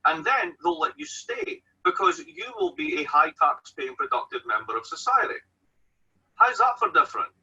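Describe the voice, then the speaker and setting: A man's voice: on the high side, huge pitch swings, normal speed, creaky, sharp tone, husky, recorded from a distance. A man with a broad Scottish accent, an economics professor arguing bluntly and colloquially, asking and answering his own questions. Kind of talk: animated spoken argument. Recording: dull radio-like sound, off mic.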